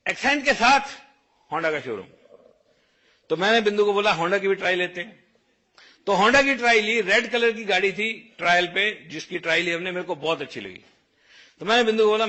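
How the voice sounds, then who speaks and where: A man giving a storytelling speech, lively and anecdotal, acting out bits of dialogue. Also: sits high. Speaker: motivational speaker.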